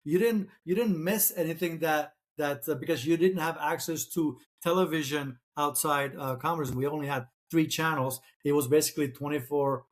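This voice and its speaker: A man's voice: fairly high pitch, moderate pace, few pauses. A middle-aged man who grew up in Czechoslovakia, a Czech native speaker, talking as an interview guest with frequent restarts and fillers. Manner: hesitant, many restarts and fillers. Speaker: author and guest. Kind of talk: conversational interview.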